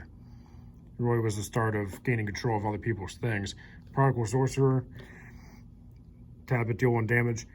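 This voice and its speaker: Young guy chatting thru old cards one by one, average pitch, little bit of background hiss. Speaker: card collector channel host. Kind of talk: casual card-opening commentary. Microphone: handheld camera mic.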